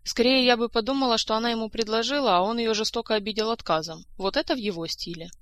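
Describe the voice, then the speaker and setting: A woman's voice: fairly high pitch, quick pace, fairly bright tone, pitched above the performer's own voice, close to an everyday voice. A woman doing a weary, grumbling court doctor. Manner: grumbling, exasperated. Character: weary, sharp-tongued female court doctor.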